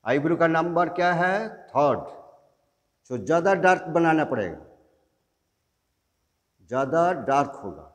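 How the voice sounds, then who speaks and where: A man teaching an online drawing class, giving slow step-by-step instructions and mixing in English. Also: fairly high pitch, sing-song, big-room sound. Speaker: art teacher.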